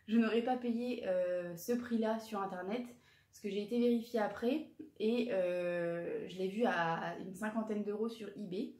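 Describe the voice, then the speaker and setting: A woman in her twenties, speaking a little slowly in a medium-pitched voice with a dark tone, presents her recent buys in a haul vlog. The room sounds large and echoey, and her chatty delivery is halting, full of fillers and self-corrections.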